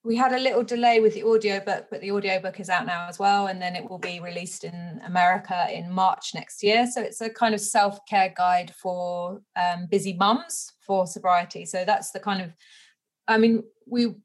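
A woman's voice: medium pitch, steady tone, normal speed. A woman from the UK, a sobriety coach, talking casually in an interview with many fillers and easy laughs. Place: home bedroom.

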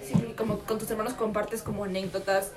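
A woman's voice: medium pitch, little pitch movement, fast, a crowd in the background. A woman chatting as a podcast co-host, hesitant with many fillers. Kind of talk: casual chat.

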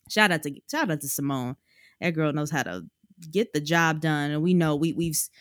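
A woman's voice: fairly low pitch, no room sound, clean studio sound. A woman hosting a podcast, chatting casually and upbeat, often addressing listeners as y'all. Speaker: podcast host.

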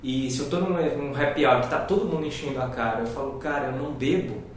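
A Brazilian man talks things through in a relaxed, halting way, often checking in with tag questions. He sounds set back from the mic in a very echoey room. A low rumble hums faintly beneath him. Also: recorded from a distance. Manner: hesitant, frequent tag questions, grows amused while telling anecdotes. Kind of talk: casual reflective conversation.

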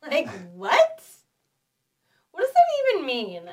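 A woman's voice: very high-pitched, wildly swooping pitch, slow pace, far from the mic, very noisy. A woman chatting casually and comically in a blasé, dismissive valley girl manner.

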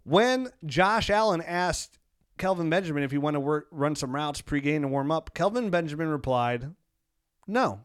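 A man on a podcast, chatting casually about football in a slightly high voice. His joking, rambling talk is recorded close and dry, with no room sound. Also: clear, resonant tone, no room sound. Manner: joking, rambling, quick to roast players. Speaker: podcast co-host. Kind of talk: casual fantasy football chat.

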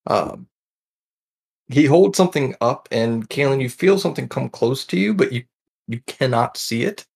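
A man narrating as game master in a tabletop game, relaxed and hesitant, with many fillers. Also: medium pitch, moderate pace, gravelly, breathy edge.

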